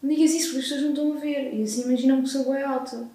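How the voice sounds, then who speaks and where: A young woman with a European Portuguese accent, co-hosting a casual chat, reacting loudly and expressively and joking along. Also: high voice, steady tone, rapid-fire, over music. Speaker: podcast co-host. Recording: very echoey room.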